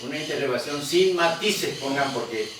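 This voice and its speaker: A man's voice: medium pitch, lively intonation, background noise. Man teaching, echoey far room. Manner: explanatory, quizzes students, repeats words slowly. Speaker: guaraní teacher. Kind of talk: classroom lecture. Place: museum classroom.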